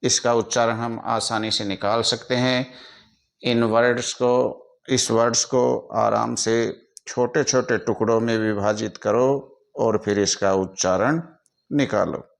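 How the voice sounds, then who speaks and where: A man's voice: medium pitch, creaky, clear, resonant tone. A male teacher with a Hindi accent explaining things to students, spelling out English words one letter at a time.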